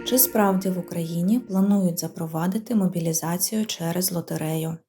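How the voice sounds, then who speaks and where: A woman interviewer reading out prepared questions in a measured way. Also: lowish voice, over music.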